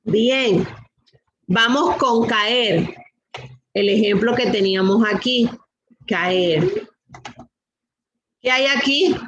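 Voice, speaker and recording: A middle-aged woman teaches a class with a high voice. She takes her time, going word by word and asking her students the same question again and again. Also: a bit bright, highs cut off. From Latin America. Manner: slow, patient, repeats rules and questions. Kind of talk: online class lesson.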